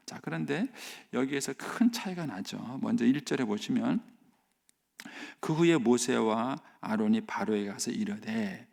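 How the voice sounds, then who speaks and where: A male pastor preaching at a dawn church service, animated and acting out the voices he quotes, now and then dropping to a near whisper. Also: mid-range voice, gravelly. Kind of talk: sermon at a dawn worship service. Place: church sanctuary.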